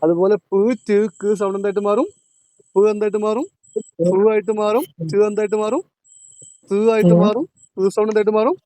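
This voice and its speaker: A man teaches a classroom lesson in a high voice. He quizzes his students and repeats each point, slowing down on the key terms. The sound is dry, with no echo. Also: dark tone. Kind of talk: classroom lecture.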